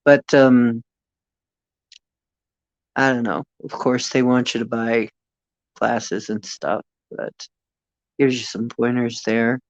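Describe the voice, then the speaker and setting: Taking it slowly and pausing often, this older livestream host speaks in a mid-range voice with fairly even intonation and a Northeastern Ohio accent. He chats casually and expressively, laughs a lot and trails off into fillers; there's no room sound and the highs are cut off.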